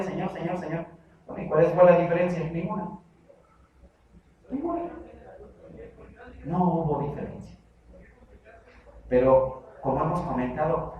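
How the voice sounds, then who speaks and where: A man's voice: fairly high pitch, a little mellow, very echoey, far from the mic, slight background noise, rough recording. A man with a Mexican accent preaching a sermon as pastor, emphatic and repetitive, mimicking how people pray. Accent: Mexican Spanish.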